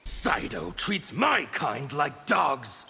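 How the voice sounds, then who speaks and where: An actor voices a fanatical, defiant anarchist villain in a fighting game, delivering theatrical, declamatory lines with contempt. His male voice is on the high side, gravelly and strained, very slow, sharp and sing-song, heavily acted. Long reverb and faint background noise surround the recording.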